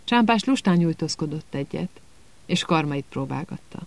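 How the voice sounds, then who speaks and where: A man reading a storybook aloud in measured scripted narration. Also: a little high, expressive, gravelly, dry recording. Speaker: audiobook narrator.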